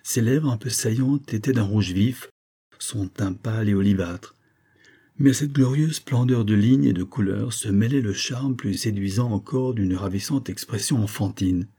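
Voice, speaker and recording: A man reading a classic novel aloud as an audiobook narrator, in a steady, measured way. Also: on the low side, slightly rough. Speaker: audiobook reader.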